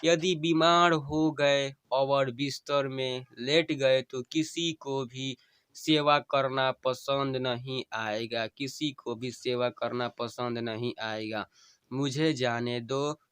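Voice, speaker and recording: A man's voice: medium pitch, fairly bright tone, smooth, no room sound. Man reading as a dying wife, tender pleas. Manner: tender, repeats each plea twice. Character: dying wife pleading with her husband. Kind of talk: emotional story reading.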